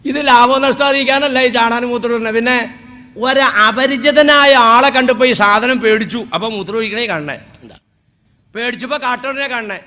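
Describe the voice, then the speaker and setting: A man. His voice sits unusually high and rings bright and sharp. He slips into dramatic wailing impressions and slow chanted verses. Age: 50s. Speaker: Islamic preacher. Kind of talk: humorous sermon.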